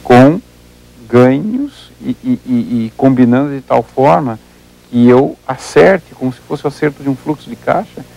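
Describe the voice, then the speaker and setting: A man's voice: medium pitch, expressive, unhurried, vocal fry, warm tone, poor audio. A Brazilian man, a livestock researcher as an interview guest, explaining at length and working through examples, often repeating words as he thinks.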